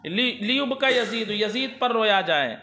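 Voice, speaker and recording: Male grammar teacher, keeps quizzing the class, sharp bright tone. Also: sits high, expressive, measured pace, roomy sound. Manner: asks students questions and answers them himself. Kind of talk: classroom lesson explaining a text.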